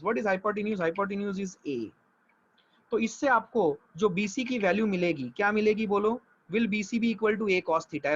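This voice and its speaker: A man teaching physics in a live class, mixing Hindi and English, patient and reassuring, walking through each step slowly and often checking that students follow. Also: high-pitched, fairly bright tone. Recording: dull lo-fi audio.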